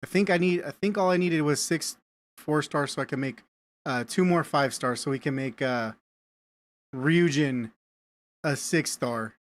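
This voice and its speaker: A young man hosts a casual game live stream, thinking aloud and greeting viewers. His voice sits a little on the high side, and he stumbles over and repeats words as he works through his plans. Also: unhurried. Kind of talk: casual live-stream chat while gaming.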